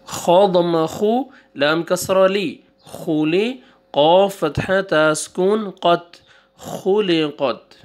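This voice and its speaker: A male Quran teacher with a high voice spells out syllables one at a time in a reading lesson. He draws out the recited words slowly, slipping in quick asides between them.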